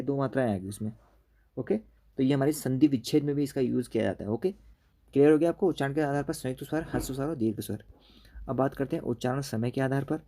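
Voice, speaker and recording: A man teaching an exam-prep grammar lesson. His voice is deeply dark and mellow, and his pitch sits in an ordinary middle range. He walks through each point patiently and keeps checking in with the class as he goes. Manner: explains step by step, tag questions like "ठीक है" after each point.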